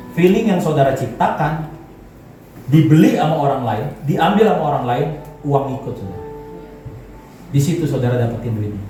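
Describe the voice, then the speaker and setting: A man, a pastor, giving a joking and conversational sermon to a congregation and leading them in gestures. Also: on the high side. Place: large church hall. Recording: echoey hall, voice from far off, faint music.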